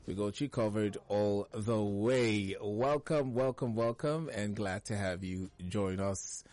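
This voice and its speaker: Smooth radio host man. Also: fairly low pitch, darkish tone, no room sound. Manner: chatty, playful, drawn-out emphasis. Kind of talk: morning radio newspaper review.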